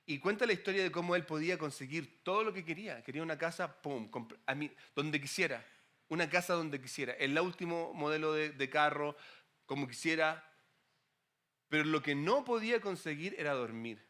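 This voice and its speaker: A middle-aged male pastor giving a conversational, animated sermon with frequent asides to the congregation. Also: on the high side, normal speed.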